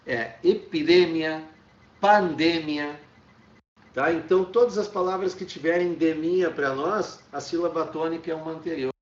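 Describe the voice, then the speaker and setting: A man's voice: a little high, steady tone, brisk, hardly any pauses, recorded from a distance. A man with a Brazilian accent giving an online Spanish class, explaining with frequent "tá?" checks and restarts. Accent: Brazilian Portuguese. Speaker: Spanish teacher. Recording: echoey room, dull lo-fi sound.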